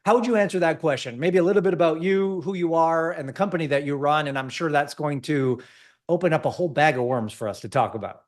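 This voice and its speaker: A man's voice: a little high, quick pace. A man hosting a podcast interview, chatty and enthusiastic. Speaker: podcast host.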